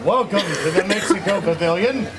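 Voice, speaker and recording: A proud, welcoming wise king, acted by a man, declaims a holiday story. His high voice rises and falls dramatically, projected over an outdoor crowd. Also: animated, normal speed, very noisy. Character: proud welcoming Melchior, Persian Magi king. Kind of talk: theatrical live storytelling.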